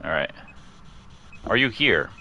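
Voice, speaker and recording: A man giving casual let's-play commentary at home, chatty and quick to laugh, chatting about his cat as he plays. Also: low-pitched, very animated, gravelly, muffled recording, a crowd in the background. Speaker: gaming streamer. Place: at home near a couch.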